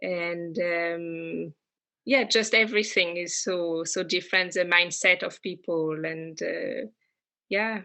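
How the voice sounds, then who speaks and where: A woman in her thirties from France with a French accent, speaking English as an interview guest, often pausing on fillers and restarting her sentences. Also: lowish voice, fairly even intonation. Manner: hesitant, many fillers and restarts, warm laughs. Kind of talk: casual conversational interview.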